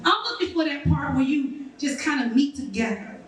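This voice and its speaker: A woman's voice: sits high, lively intonation, normal speed. A woman in her thirties doing a brash, profane stand-up set, teasing the audience. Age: 30s. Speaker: stand-up comedian. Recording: echoey room, mic far off.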